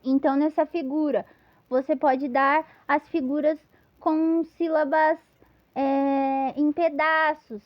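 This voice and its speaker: A woman's voice: high-pitched, little pitch movement, slow pace, dry recording, lo-fi sound. A woman giving an instructional lesson, patiently explaining step by step with examples. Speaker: teacher.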